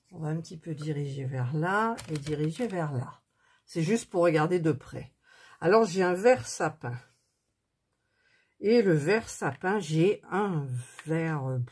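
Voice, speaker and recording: Woman crafter, low husky voice, slow and soft, casual thinking-aloud tutorial, phone mic. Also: a little hiss or hum. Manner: chatty, thinking aloud while working; speaks softly near the phone. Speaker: cross-stitch crafter. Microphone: phone on a stand.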